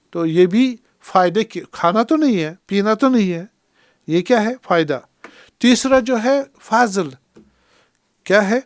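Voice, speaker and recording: Higher-pitched male Kashmiri scholar lecturing. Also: dry recording, studio quality. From Pakistan. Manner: explains by asking the audience questions; recites Arabic quotations slowly. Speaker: Islamic scholar. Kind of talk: religious lecture.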